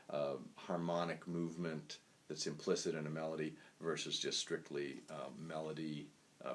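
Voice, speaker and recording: A saxophonist talking through improvisation ideas in a casual, rambling lesson, full of fillers and restarts. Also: male voice, sits low. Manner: rambling and thoughtful, many fillers.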